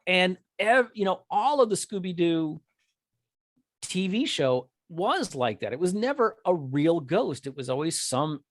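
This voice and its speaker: A man's voice: high-pitched, very animated, a little slow, no room sound. A man co-hosting a casual chat about movies, rambling with many restarts. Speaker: podcast co-host.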